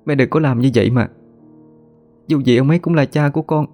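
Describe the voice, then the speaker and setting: A man's voice: mid-range voice, a little fast, darkish tone, faint music behind, pitched above the performer's own voice, natural voice. A male narrator voicing a weak, pale young woman pleading faintly with her mother. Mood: begging.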